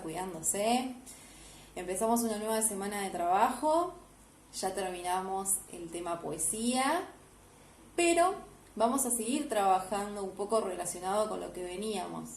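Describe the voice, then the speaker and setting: A woman's voice: medium pitch, a little mellow. A woman primary school teacher, explaining homework to children step by step. She is patient and keeps checking that they follow. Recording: echoey room, faint background hiss.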